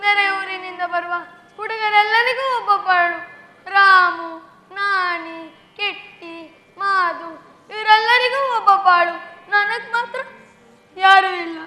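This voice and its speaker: An eager, timid young boy in a stage play, his voice very high and bright, as a woman acts him out. He talks in an earnest, pleading, childlike way. The sound is echoey, with soft music behind. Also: steady tone, takes it slowly, long pauses, heavily acted.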